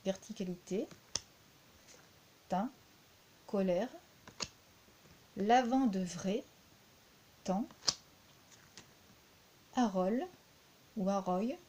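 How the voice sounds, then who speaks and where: A woman's voice: medium pitch, mellow, slight background noise. A woman with a French accent reviewing a deck of cards, talking unhurriedly with frequent fillers and repeated words.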